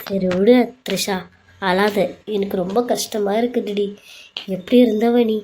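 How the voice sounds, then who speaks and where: A woman's voice: mid-range voice, fairly even intonation, a little slow, noisy background, natural voice. A woman voicing a caring older sister figure who scolds and consoles a younger wife in a family serial drama. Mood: consoling.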